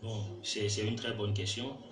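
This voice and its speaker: A man from Togo with a Togolese French accent answers casually and colloquially as a guest rapper in a radio interview. His voice is on the low side and a bit bright, flat in delivery at normal speed, picked up by a distant mic in an echoey room with faint music.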